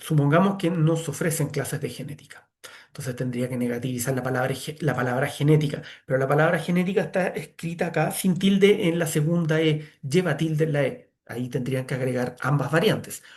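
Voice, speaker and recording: Man teaching, slightly high voice. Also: brisk, a little mellow. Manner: conversational, many "eh" fillers. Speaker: online course instructor. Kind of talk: screen-share tutorial.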